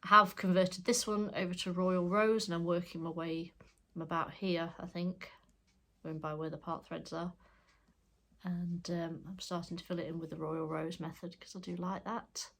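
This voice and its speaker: Her voice on the low side, level and fairly bright at normal speed, a congested middle-aged woman casually shows her cross stitch projects. She rambles along, stopping to correct herself.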